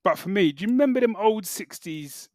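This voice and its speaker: Brisk and animated, this man's high-pitched voice has a darkish tone as he co-hosts a podcast, offering opinionated, casual reviews full of filler like "you know" and "like." His speech is colloquial throughout, and the recording is dry.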